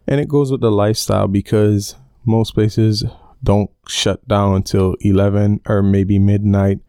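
A man's voice: on the low side, vocal fry, dark tone, clear, resonant tone, dry recording, clean studio sound. A man in his twenties recording his podcast from under a blanket in his bedroom, chatting in a rambling, casual way and sweating from the heat. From Belize. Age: 20s. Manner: rambling, chatty, self-aware about going off topic. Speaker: podcast host. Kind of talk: casual solo podcast chat. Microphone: home podcast mic under a blanket.

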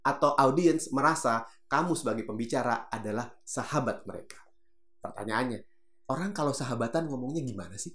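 A man's voice: medium pitch, expressive, fairly quick, fairly bright tone. Chatty man coaching in an echoey room. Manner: chatty, demonstrative, addresses viewers as guys. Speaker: public speaking coach. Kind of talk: casual teaching monologue.

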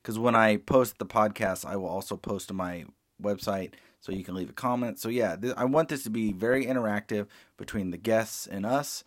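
A middle-aged man hosting a casual podcast, relaxed and rambling with plenty of fillers, into a close mic. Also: fairly low pitch, normal speed, no echo. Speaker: podcast host.

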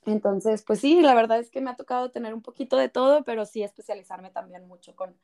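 Appearing as a guest on a relaxed podcast, a female clinical psychologist with a Mexican Spanish accent talks softly and hesitantly. Her voice is fairly high and her pace quick.

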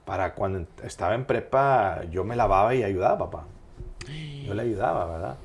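A middle-aged man, a surgeon guest telling childhood stories in a relaxed, rambling way with many fillers. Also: lowish voice, fairly quick, creaky. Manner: rambling storyteller with frequent fillers. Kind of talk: casual podcast interview.

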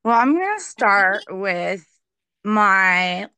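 A woman co-hosting a casual podcast, speaking in a measured, earnest way. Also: mid-range voice, very animated, pushed and bright, clean tone, no room sound. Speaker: podcast co-host.

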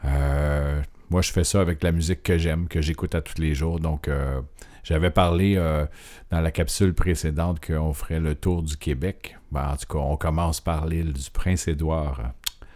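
A man's voice: sits low, a little mellow. A man from Quebec with a Quebec French accent hosting a casual music show, rambling and hesitant with many filler sounds. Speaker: host. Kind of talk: casual radio-style presentation.

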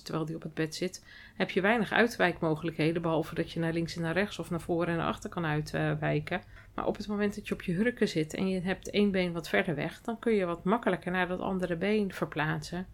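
A woman hosting her own podcast, talking in a calm, thoughtful and explanatory way in a reflective solo monologue. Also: lowish voice. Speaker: podcast host and hospital clown.

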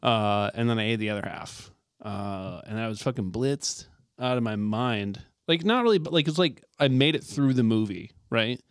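A man's voice: fairly low pitch, expressive, moderate pace, clear, resonant tone, dry recording, studio quality. A young man co-hosting a podcast, talking in a laid-back, profane casual style. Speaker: podcast co-host. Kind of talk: casual chat.

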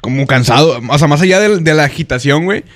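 A man's voice: fairly high pitch, lively intonation, quick pace, a bit bright. Slangy young Mexican man, casual chat. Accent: Mexican Spanish. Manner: crude slang-heavy banter, laughs often. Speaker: podcast co-host.

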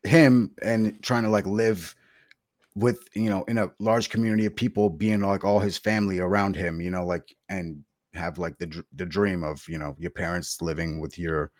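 A man's voice: deep voice, steady tone, moderate pace, darkish tone, no echo, studio quality. A young man co-hosting a podcast in easygoing casual chat, laughing often. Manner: easygoing, laughs often, lots of you know and like. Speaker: podcast co-host.

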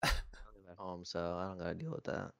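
A man's voice: deep voice, fast, gravelly, a bit bright, no echo, muffled recording. A young adult man in college, chatting casually on a podcast and teasing his friends in slang. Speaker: podcast co-host. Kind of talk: casual chat.

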